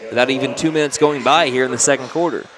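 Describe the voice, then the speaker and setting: Oklahoma guy doing radio play by play, fast chatty calls, a little gym noise behind. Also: mid-range voice. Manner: quick, chatty, jokey asides. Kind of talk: play-by-play commentary.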